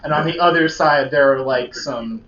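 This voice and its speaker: A man's voice: medium pitch, normal speed, fairly bright tone. A man narrating a tabletop game as game master, describing scenes in a loose way with many fillers. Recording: echoey lo-fi room, faint hum.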